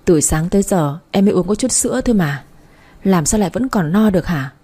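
A heartbroken young wife, tearful and pleading, in a spoken storybook, as a woman narrator puts her on. The voice is soft and husky with a mellow tone. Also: fairly low pitch, animated, brisk. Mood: flat, weary. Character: grieving young woman who lost pregnancy.

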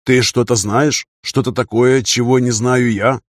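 A man's voice: mid-range voice, fairly even intonation, unhurried, no echo, studio quality, lightly acted. A man voicing a tired, stubborn male gym-teacher hero who talks plainly and asks questions. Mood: uncertain.

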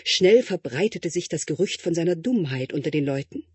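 Husky man telling a story. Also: fairly high pitch, animated, normal speed, darkish tone, dry recording. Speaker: author reading his story. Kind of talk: storytelling narration.

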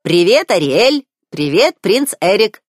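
Storybook seagull: a scatterbrained male bird, loud and excitable, high and bouncy, voiced by a woman narrator. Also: slow, dry recording, clean studio sound. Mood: excited.

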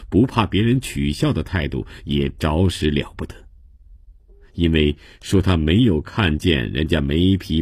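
A man narrating a novel as an audiobook, in steady, measured storytelling from a studio mic. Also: low voice, breathy edge, no room sound.

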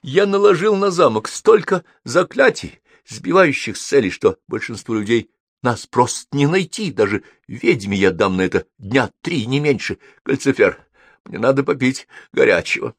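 A man voicing a vain, dramatic young male wizard who whines in a hoarse, cold-stricken voice while reading a storybook aloud. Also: mid-range voice, lively intonation, moderate pace, no echo, clean studio sound, voice pushed up. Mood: irritated. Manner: whining, indignant.

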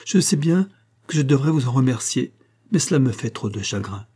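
A man's voice: mid-range voice, animated, moderate pace, warm tone, breathy edge. A man voicing a devoted orphan boy servant who speaks humbly and close to tears, in a read-aloud novel. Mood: humble, sad. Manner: humble, pleading.

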